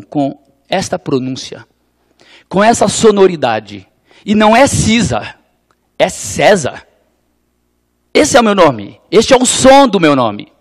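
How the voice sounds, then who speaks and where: Reflective Brazilian man preaching. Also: high voice. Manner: reflective, conversational, with wry humor. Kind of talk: gospel teaching talk.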